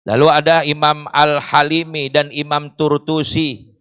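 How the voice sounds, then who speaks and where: A man's voice: a little high, little pitch movement, unhurried, fairly bright tone, smooth, no room sound. A man preaching a sermon in a mosque, explaining with rhetorical questions and Arabic phrases.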